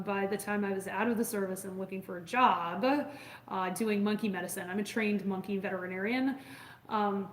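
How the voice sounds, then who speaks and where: A woman's voice: medium pitch, a little hiss or hum. A woman in her forties talking casually to the camera as a food safety consultant, chatty and enthusiastic, rambling with fillers and restarts. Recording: roomy echo.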